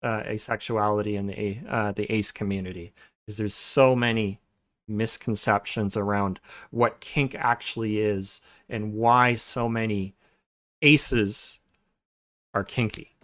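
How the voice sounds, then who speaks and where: A man hosting a podcast in a relaxed, casual chat, pausing often with filler sounds and restarting sentences. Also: lowish voice. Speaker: podcast host.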